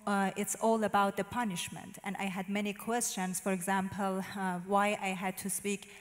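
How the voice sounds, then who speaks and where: An Iranian woman in her thirties, whose first language is Farsi, gives personal testimony as an interview guest, speaking English with a Persian accent, non-native phrasing, and a mid-range voice in a level, narrow melody. She hesitates often on "uh" while searching for words. Holding a handheld mic on a church stage, her voice fades into a large hall's long reverb.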